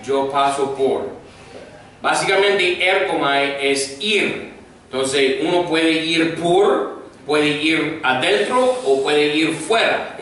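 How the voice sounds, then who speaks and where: Teaching a Koine Greek grammar class, a man patiently drills vocabulary and has students repeat after him. His voice is on the high side and fairly bright, and he takes it slowly. The room is echoey, the mic far off, with faint noise.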